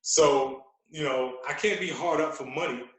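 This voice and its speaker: There's crowd noise as a man on the high side talks at a normal speed, well away from the mic. A fitness trainer and podcast guest, he chats casually but explains things forcefully, repeating phrases for emphasis. The recording is very echoey and roomy.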